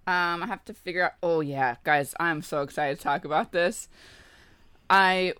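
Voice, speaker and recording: A woman's voice: on the low side, moderate pace, a bit bright, clean tone, no echo. A woman in her thirties chatting casually, telling a story and acting out the quoted lines.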